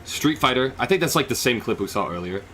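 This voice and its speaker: A young man reacting on a live stream, rambling and bursting into excited shouts. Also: mid-range voice, quick pace, a little hiss or hum.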